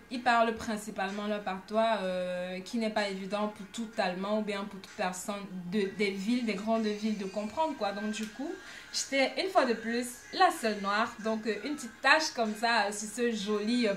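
A woman's voice: medium pitch, normal speed. Young woman vlogging into her camera, ironic storytelling, hesitant fillers, faint noise behind. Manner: animated, ironic, lots of hesitations. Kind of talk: casual storytelling vlog.

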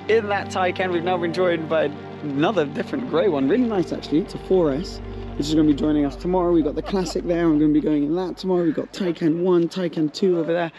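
With music playing in the background along with car and road noise, a young man talks quickly in a slightly high voice to an action camera at arm's length. He's a car vlogger making a casual travel vlog, inside the car and outdoors, upbeat and chatty, his voice falling off at phrase ends.

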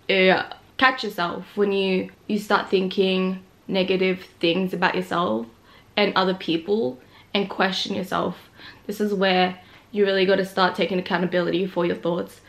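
A young woman talking casually to camera from a small bedroom, relaxed and chatty, with a laugh now and then. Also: medium pitch, measured pace, gravelly. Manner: chatty, relaxed, laughs between thoughts, many "like" and "literally". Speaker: vlogger. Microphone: camera in front of her face.

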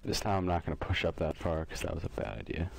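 A man streaming a team shooter, chatting casually with teammates and making quick, laid-back strategy calls. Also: sits low, animated, gravelly, slight background noise. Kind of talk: casual gaming chat with teammates. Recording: game gunfire loud behind voice.

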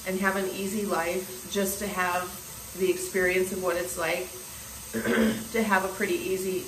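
This spiritual vlogger, a woman in her forties, speaks a little slowly and flatly at medium pitch, earnestly musing to a phone camera in a small bathroom and restarting as she goes. Her scratchy throat has her clearing it often, and the casual talk carries a roomy echo plus faint hiss.

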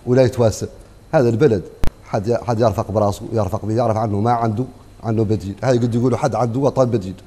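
Fast-talking Mauritanian man, insistent. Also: fairly low pitch, steady tone, dark tone, husky. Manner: fast, insistent, interjects "hnini" to hold the floor. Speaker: panel guest. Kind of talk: panel debate on television.

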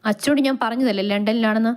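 A woman's voice: on the high side, steady tone, quick pace, a little mellow, clean tone, close to an everyday voice. A woman doing a defiant, angry young man.

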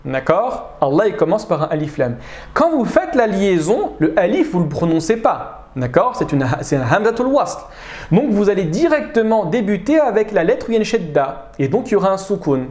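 A man leads an online grammar lesson in a high, animated voice that rises and falls freely. He checks in with his students again and again as he explains. The sound carries a noticeable echo from the room. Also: a little fast. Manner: animated, checks understanding with frequent "d'accord?". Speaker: Arabic teacher. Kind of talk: live online grammar class.

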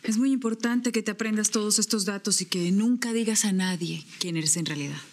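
A woman's voice: mid-range voice, brisk, a little hiss or hum, close to an everyday voice. An actress playing an earnest woman who urges and protects a freed prisoner in a telenovela. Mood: urging. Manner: earnest, urging. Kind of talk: telenovela acting.

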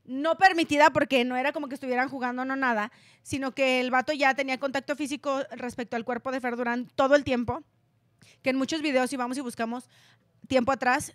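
A Mexican woman co-hosting a celebrity gossip chat, retelling a story in animated casual talk and acting out the quotes. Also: high-pitched, no room sound. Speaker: gossip show co-host.

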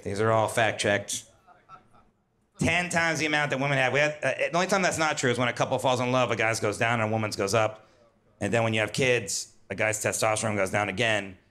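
Bright-voiced stand-up comedian, wry delivery. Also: male voice, medium pitch. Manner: wry, conversational, jumps to loud put-on whines. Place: comedy club stage with audience laughter.

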